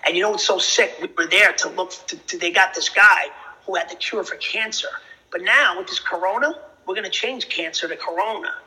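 A man's voice: high-pitched, brisk, sharp tone, poor audio. A man being interviewed, talking casually and bluntly in a brash, hyped-up frat-bro way with frequent swearing. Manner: blunt, opinionated. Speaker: film producer and actor being interviewed.

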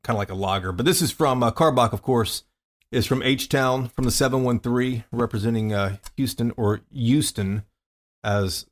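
A man's voice: medium pitch, normal speed. A man co-hosting a casual talk podcast over a video call, often repeating words as he gathers his thoughts. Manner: stammering, repeats words while thinking. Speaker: podcast co-host. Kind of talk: casual chat.

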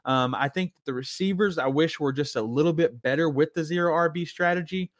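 A man co-hosting a casual live fantasy football stream, measured and easygoing with frequent ums. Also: fairly high pitch, no echo.

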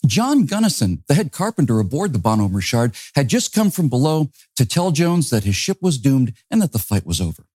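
A man narrating a naval history story in a scripted, dramatic storytelling manner with wide pitch swings. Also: big pitch swings, a little fast, few pauses, a little mellow.

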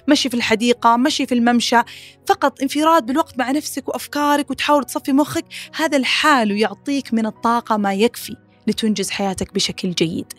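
A woman hosting a podcast, giving casual advice, animated and repeating phrases as she talks. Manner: animated, acts out quoted critics in a higher voice; rapid, repeats phrases, many fillers. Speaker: podcast host.

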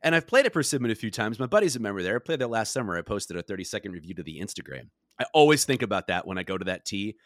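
Animated man telling a golf story. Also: lowish voice, very fast, dry recording, clean studio sound. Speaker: podcast co-host. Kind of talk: casual storytelling chat.

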